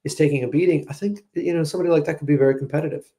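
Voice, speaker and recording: A man's voice: a little high, fairly even intonation, very fast, warm tone. A man giving political analysis as a strategist guest, talking conversationally with frequent restarts. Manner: conversational, restarts, "you know" fillers. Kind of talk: political commentary interview.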